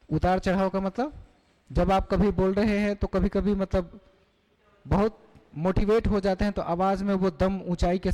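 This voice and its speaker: A man's voice: high voice, darkish tone. A male teacher giving a classroom lecture, explaining terms and putting questions to the class. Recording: long hall reverb.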